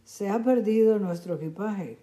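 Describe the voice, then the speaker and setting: Woman reading as a calm, reassuring mother. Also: medium pitch, moderate pace, close to an everyday voice. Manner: soothing, reassuring. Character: calm, cheerful middle-aged mother. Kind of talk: storybook reading.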